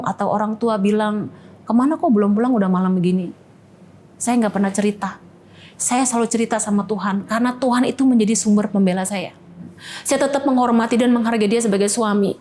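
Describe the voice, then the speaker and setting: A woman's voice: on the high side, a little mellow. A woman in her forties giving an earnest personal faith testimony, acting out the words of her family. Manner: earnest storytelling, acts out quotes. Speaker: testimony guest.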